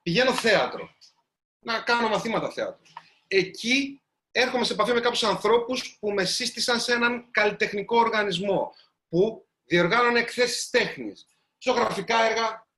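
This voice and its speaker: A man's voice: high voice, bright, forceful tone. A man, a writer, giving a storytelling talk to a live audience and addressing them directly.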